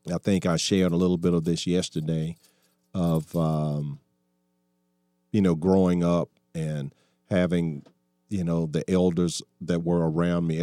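An older man in his sixties hosts a call-in talk radio show. His voice sits very low and sounds warm and relaxed, caught dry and close on a studio mic. He talks in a folksy, preachy way that doubles back and restarts mid-sentence. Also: dry recording. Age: 60s.

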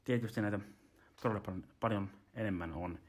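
A man hosting a casual comedic monologue, rambling and stopping to restart his sentences. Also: fairly low pitch. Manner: rambling, stop-start talk. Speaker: host.

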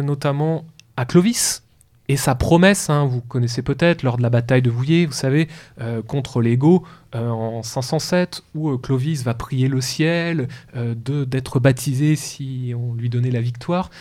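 Man, radio studio guest, mid pitch, halting explainer, fillers and restarts. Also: darkish tone. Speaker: history guest explaining heraldry. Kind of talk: radio talk show explanation.

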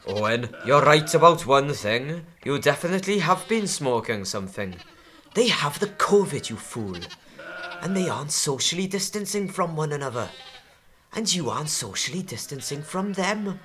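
A woman's voice: low-pitched, very animated, moderate pace, fairly bright tone. Woman voicing a brash farm woman, scolding; noisy home recording. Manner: scolding, blunt.

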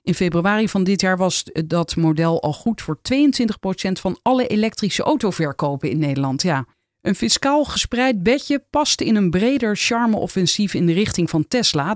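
A podcast host who reads excerpts from an article in an even, measured way and asks the guest questions. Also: mid-range voice, dry recording, clean studio sound.

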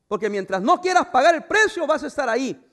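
High-voiced preaching pastor. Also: male voice, big pitch swings, quick pace. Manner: swings from loud fervent preaching to quiet intimate asides. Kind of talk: sermon.

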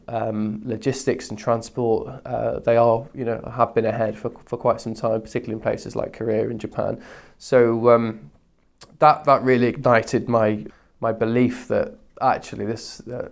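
A man's voice: lowish voice, creaky, darkish tone. A man answering interview questions conversationally as a guest, hesitant and often repeating words as he searches for phrasing.

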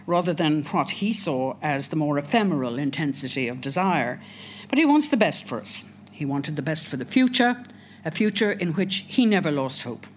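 A slight hiss or hum accompanies this medium-pitched voice from Ireland. The speaker reads a prepared talk on a writer, sounding wry and emphatic and slipping in ironic asides.

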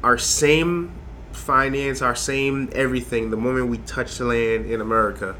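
A man's voice: mid-range voice, steady tone, moderate pace, bright, forceful tone, slight background noise. A young man from Haiti, a design lecturer, talking as a guest in a casual interview, rambling with many fillers and restarts.

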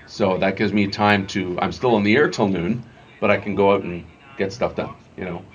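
A man's voice: deep voice, fairly even intonation, moderate pace. A man, a radio morning show host, casually explaining his work with lots of fillers and restarts. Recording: slightly dull lo-fi sound with faint music.

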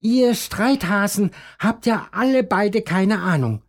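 A man voicing a brisk, know-it-all female rabbit cook in a storybook reading, scolding two squabbling neighbors. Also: high-pitched, lively intonation, pitched above the performer's own voice, exaggerated voice.

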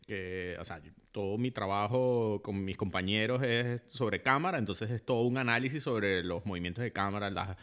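Bright-voiced man, thoughtful and hesitant. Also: on the low side, normal speed, hardly any pauses, smooth. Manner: thoughtful, hesitant, many fillers. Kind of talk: casual film chat.

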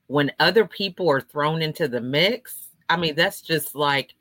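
A woman speaks earnestly and openly in a casual discussion. Her delivery is very slow, with a bright, forward tone. The recording is dry and close. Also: low voice, no room sound.

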